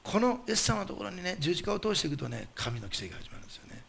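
A male pastor delivering a sermon, emphatic and animated, putting rhetorical questions to the congregation. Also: high voice, rapid-fire, vocal fry, a little hiss or hum.

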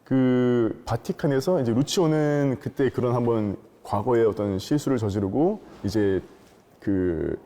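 A man's voice: medium pitch, unhurried, warm tone. A man, a musical actor, talking in a casual interview and explaining his role in an earnest, reflective way. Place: quiet room with some ring.

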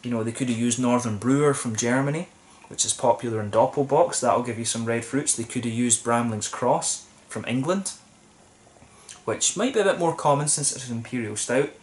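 At normal speed and medium pitch, a young man casually reviews a beer to camera while sitting at a table in a small, plain room. He's thoughtful but rambling, with lots of ums and restarts.

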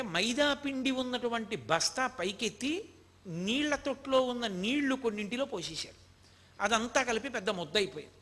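A man's voice: high voice, sharp tone. A man giving a devotional discourse, telling stories of a holy man, quoting scripture and speaking straight to his listeners. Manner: storytelling, quotes scripture, addresses listeners directly. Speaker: spiritual speaker.

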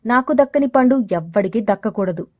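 Sneering male village ruffian, mocking and menacing, as a woman narrator voices him, mellow dark voice, dry audio-story recording. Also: fairly high pitch, animated, moderate pace, no room sound, dull audio. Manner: sneering, taunting delivery.

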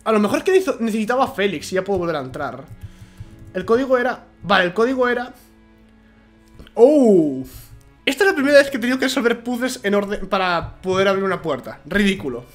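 A man from with a cold commentating a video game at a home microphone, half-shouting and rambling. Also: sits high, sing-song, a little fast, faint music behind. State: has a cold. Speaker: gamer. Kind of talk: let's play commentary.

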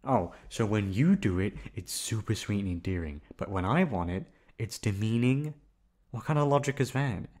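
Playing an affectionate, teasing boyfriend in intimate ASMR, this male voice actor coaxes and pleads playfully. His voice runs on the low side, expressive and darkish in tone, at a normal speed.

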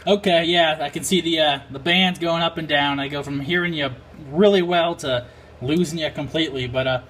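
Talking casually and somewhat hesitantly, an American amateur radio vlogger speaks a little fast with a fairly high, fairly even voice. The handheld camera mic captures him indoors in a small apartment, along with clear background noise.

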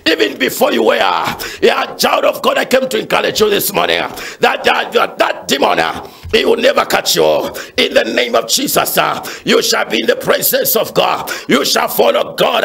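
A pastor with an extremely high, gravelly, bright voice preaches fervently and prays with callers on a phone-in, shouting his sermon. His tone is forceful with a breathy edge, and he often fills pauses with "uh."

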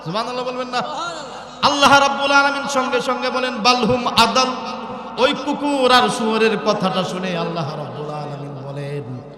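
A high-pitched male preacher with a Sylheti Bengali accent delivers an emphatic, exclaiming sermon and leads the crowd in chanted refrains. His voice rings out through a large, echoing venue with a long reverb tail. Faint music sits behind him. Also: fairly quick, sharp tone. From Sylhet, Bangladesh. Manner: emphatic, exclaiming, breaks into chanted sing-along lines. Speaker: Islamic preacher. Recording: echoey hall sound with faint music.

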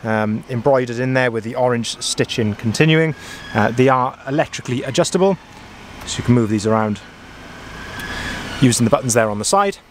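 A man talks through a pickup truck's features with eager praise, sprinkling in ums and uhs. His voice sits at a middle pitch. The camera-mic recording carries a faint hum of outdoor noise. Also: animated, brisk. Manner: chatty, enthusiastic, frequent ums and uhs. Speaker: car sales manager. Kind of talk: walkaround vehicle review. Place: inside a pickup truck, then outdoors at a dealership yard.

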